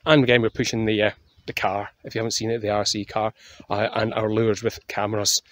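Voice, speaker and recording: A man's voice: fairly low pitch, level tone, brisk, fairly bright tone. A man, out of breath, filming a rambling off-the-cuff vlog on his phone while walking outdoors. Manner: rambling, many filler "uh"s. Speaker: falconer, channel host. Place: outdoors on a hill walk. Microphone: phone camera.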